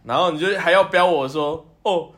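Brief: high-pitched Taiwanese Mandarin male co-host, crude storyteller, laughs a lot, swears freely. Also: moderate pace, fairly bright tone. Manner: laughs often, swears freely, acts out quotes. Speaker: podcast co-host. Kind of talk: casual crude banter.

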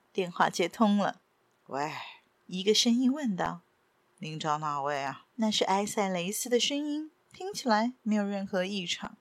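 A woman's voice: mid-range voice, no room sound. Woman narrating a story, dry sound. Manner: steady storytelling. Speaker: audiobook narrator. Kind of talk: scripted narration.

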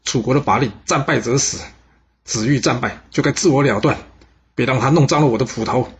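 A man's voice: mid-range voice, a little fast, husky, lo-fi sound. A man voicing a furious ancient king who scolds and commands harshly. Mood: angry. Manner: shouting angrily, scolding.

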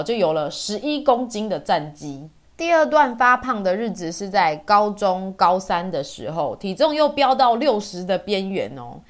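A woman in her forties from Taiwan with a Taiwanese Mandarin accent, telling personal stories as a podcast host in a chatty, colloquial way. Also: medium pitch. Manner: chatty, colloquial, with sentence-final particles. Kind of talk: casual personal storytelling.

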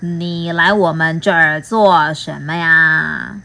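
A woman voicing a group of scary, teasing monsters in a storybook read-aloud, speaking slowly and drawn out. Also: deep voice, steady tone, creaky, sharp tone, pitched below the performer's own voice, heavily acted. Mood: menacing. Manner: slow, drawn-out, with a mock-evil laugh.

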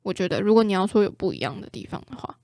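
Taiwanese girl just chatting, blunt and informal, mid pitch, pretty dry close sound. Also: very animated, very fast, vocal fry, mellow, no room sound. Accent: Taiwanese Mandarin. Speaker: guest sharing relationship stories. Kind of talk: casual chat.

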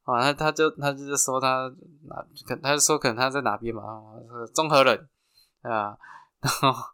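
A man with a Taiwanese Mandarin accent hosting a podcast, telling stories in a chatty, halting way full of restarts. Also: mid-range voice, steady tone, pushed and bright, smooth. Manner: chatty, halting with frequent restarts and fillers, laughs at his own stories. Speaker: podcast host. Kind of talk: casual storytelling.

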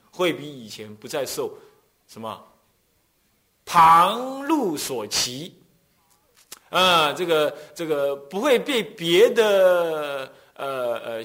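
A middle-aged male Buddhist abbot with a Taiwanese Mandarin accent, giving a dharma talk as animated storytelling. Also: a little high. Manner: animated storytelling, acts out quoted voices.

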